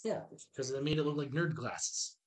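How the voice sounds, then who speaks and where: A man's voice: on the high side, moderate pace. Eager rambling man in his thirties. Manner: eager, rambling, with frequent restarts. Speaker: podcast host. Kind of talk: casual movie review chat.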